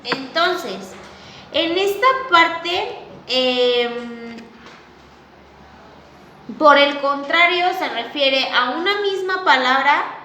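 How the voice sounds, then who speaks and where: A woman lecturing slowly, with a high, bright voice, who keeps pausing to ask her class if they follow. The room around her is echoey, and her words ring out as she stretches out each example word with care. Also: expressive. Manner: slow and deliberate, checks understanding with a frequent questioning "¿ok?". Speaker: teacher.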